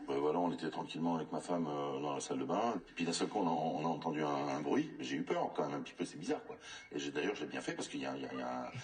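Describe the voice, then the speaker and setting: An actor playing a crime victim who gives a rambling, halting account in a TV interview. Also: male voice, rumbling low, expressive, distant mic.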